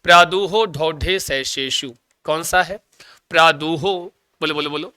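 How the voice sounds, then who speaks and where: Guy teaching sanskrit grammar for exams, high clear voice, keeps asking then answering his own questions. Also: measured pace, sharp tone, no echo. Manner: calls students "bhaiya" and "ji". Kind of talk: exam coaching lecture.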